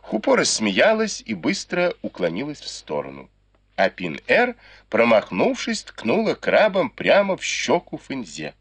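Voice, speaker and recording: A man's voice: medium pitch, wildly swooping pitch, measured pace, a bit bright, breathy edge, dry recording. A man reading a classic novel aloud as an audiobook, narrating expressively. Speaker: audiobook reader.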